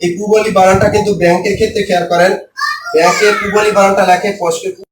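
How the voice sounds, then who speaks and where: High-voiced man teaching spelling rules. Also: level tone, reverberant, distant mic, noisy background. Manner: repeats and spells out words slowly, asks and answers himself. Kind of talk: spelling lesson for exam takers.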